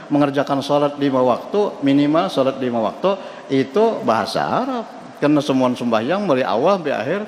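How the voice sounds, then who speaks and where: A man with a Banjar accent gives an informal mosque lesson, asking his listeners questions and chuckling as he goes. His mid-pitched voice carries through a roomy hall with a long reverb tail. Faint noise sits under the recording. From South Kalimantan, Indonesia. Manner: conversational, asks the audience questions and chuckles. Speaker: religious teacher. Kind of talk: mosque study-circle lecture.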